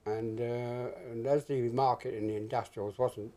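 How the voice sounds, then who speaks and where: A man's voice: medium pitch, fairly even intonation, unhurried, warm tone. An older man with a British accent, reminiscing in an interview in a conversational, hesitant way, repeating phrases for emphasis. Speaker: interviewee, retired stock jobber. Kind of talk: reminiscing in an oral history interview.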